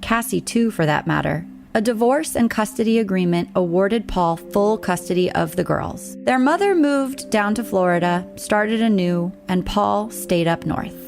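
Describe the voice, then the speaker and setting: Creaky-voiced woman narrating true crime. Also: medium pitch, expressive, darkish tone, faint music behind. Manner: measured, storytelling delivery. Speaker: podcast host and narrator.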